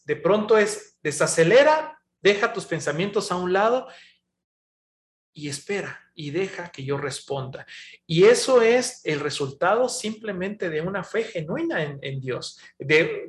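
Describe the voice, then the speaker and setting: A man's voice: sits high, reverberant. A man preaching a sermon in an earnest, conversational way, with frequent fillers and repeated words.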